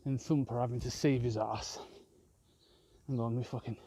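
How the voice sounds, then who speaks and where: A man's voice: mid-range voice, steady tone, normal speed, mellow, husky. A man rambling and swearing constantly as he films a vlog on a walk outdoors in a park with his phone. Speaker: vlogger. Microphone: handheld phone camera.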